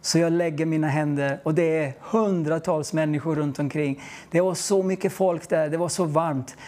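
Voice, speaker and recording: A man's voice: a little high, fairly even intonation, darkish tone. A man preaching, telling a personal testimony in an earnest, storytelling way and acting out the dialogue. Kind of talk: testimony sermon.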